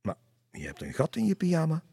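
A man voicing a kindly, mildly concerned father with a gentle, questioning manner while reading a storybook aloud. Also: low voice, wildly swooping pitch, moderate pace, slightly rough, dry recording, studio quality, in a large hall, heavily acted.

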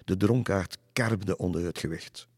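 A man reading a folk tale aloud in a measured way. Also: deep voice, a little mellow, slightly rough, no room sound, clean studio sound. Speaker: narrator. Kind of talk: storybook narration.

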